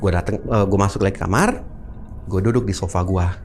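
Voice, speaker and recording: A middle-aged man with a low, gravelly voice tells a personal ghost story in a casual chat, talking fairly quickly over soft background music. He's animated, mimicking the sounds with his voice.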